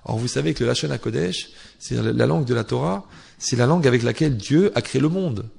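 A man teaching a Torah class who argues with imagined objections and swings from quiet asides to loudly recited Hebrew verses, with a teasing tone. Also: medium pitch, quick pace, creaky, breathy edge. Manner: joking, teasing tone with listeners. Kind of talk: Torah class to a live audience.

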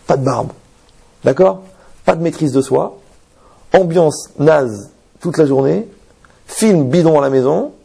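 A man speaking as a rabbi gives an anecdotal religious talk, telling stories, asking rhetorical questions and often checking "d'accord?" with listeners. He's a lively storyteller. His voice is fairly high, with vocal fry and a breathy edge, and he talks a little slowly with long pauses.

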